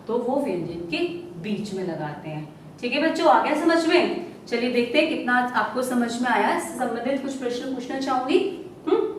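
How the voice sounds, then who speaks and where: A woman's voice: on the high side, a little hiss or hum. A woman teaching Hindi to young children in a recorded lesson, stretching out syllables and answering her own questions. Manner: slow, drawn-out syllables, coaxing questions answered herself. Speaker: primary school Hindi teacher. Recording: very echoey room, voice from a distance.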